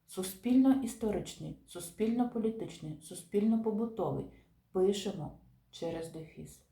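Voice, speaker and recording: A woman teacher calmly explaining spelling rules to viewers, stressing each example word. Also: fairly low pitch. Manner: calm, methodical, stresses example words. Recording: echoey room.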